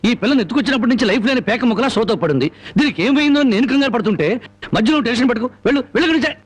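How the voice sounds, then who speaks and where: A fierce, volatile avenger. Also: male voice, extremely high pitch, animated, very fast, slightly rough, no echo, heavily acted. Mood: scolding. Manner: menacing, theatrical, bullying. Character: fierce middle-aged man, vengeful and volatile. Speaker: avenging villager hero. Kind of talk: Telugu film acting. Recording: film soundtrack with score underneath.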